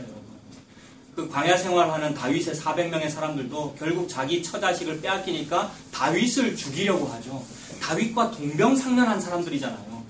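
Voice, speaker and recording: A man's voice: fairly high pitch, distant mic, a little hiss or hum. Emphatic male pastor preaching in an echoey hall. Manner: emphatic preaching, rising loud when quoting Jesus. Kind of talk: sermon. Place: church sanctuary. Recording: echoey church recorded from afar.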